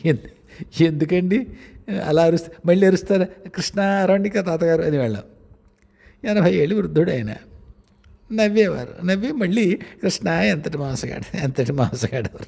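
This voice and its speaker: A man's voice: sits high, moderate pace, gravelly, pauses often, mellow. A man telling personal stories as a spiritual practitioner, in a conversational, reflective way, speaking directly to his listeners. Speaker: spiritual practitioner sharing experiences. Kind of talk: storytelling memoir talk. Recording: long reverberant room echo.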